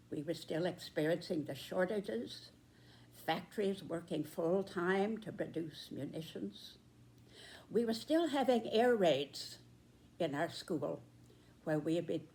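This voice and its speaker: A very old American woman in her nineties reminisces reflectively, with deliberate, solemn phrasing and dramatic pauses. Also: lowish voice, a little mellow. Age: 90s. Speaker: storyteller recalling own past.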